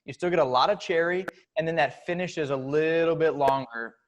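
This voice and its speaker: A man's voice: on the high side, fairly quick. A man hosting, casually explaining how a chocolate bar was developed and what subscribers get. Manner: relaxed, explanatory. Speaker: host. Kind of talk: casual product talk.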